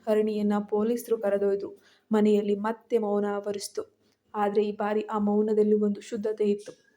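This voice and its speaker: A woman narrating a scripted family drama story in a steady reading voice. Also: mid-range voice, normal speed.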